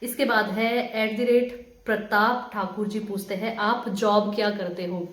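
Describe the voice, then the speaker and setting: A young woman in her twenties from Himachal Pradesh chats through viewer questions in a relaxed home vlog. Her voice sits at a middle pitch and she talks easily, hesitating often on filler sounds. The room around her is bare and echoey. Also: measured pace. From Himachal Pradesh, India. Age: 20s. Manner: chatty, hesitant with many fillers, laughs at questions. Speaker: vlogger. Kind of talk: casual Q&A vlog.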